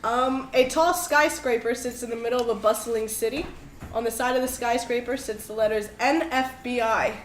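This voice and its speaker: A young woman narrates a tabletop game as its game master, her voice sitting a little high. She keeps it casual and giggly. The room rings with echo under a faint hiss. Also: fairly even intonation, normal speed.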